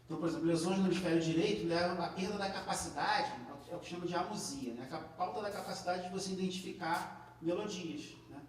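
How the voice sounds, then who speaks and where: A man's voice: high voice, fast, a little hiss or hum. Echoey lecture hall, Brazilian man teaching. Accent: Brazilian Portuguese. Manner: explanatory, many tag questions and restarts. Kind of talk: live classroom lecture. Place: large echoey lecture room. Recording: echoey hall recorded from a distance.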